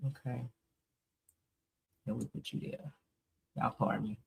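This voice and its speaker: A woman with an extremely low, steady voice and vocal fry hosts a casual live stream, speaking unhurriedly. She sniffles from a slight cold while chatting loosely, greeting viewers often and saying "y'all." There's slight background noise.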